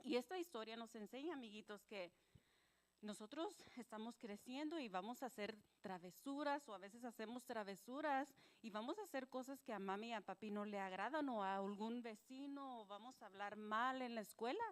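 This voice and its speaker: A woman telling a children's story in church, animated and gentle, acting out the voices with simple words for kids. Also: on the high side, normal speed.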